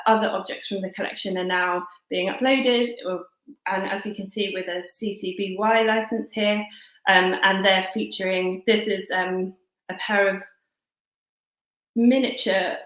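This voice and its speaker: A woman giving an online seminar presentation in a halting way, with many fillers and restarts. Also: mid-range voice, fairly bright tone, echoey room, poor audio. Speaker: guest lecturer.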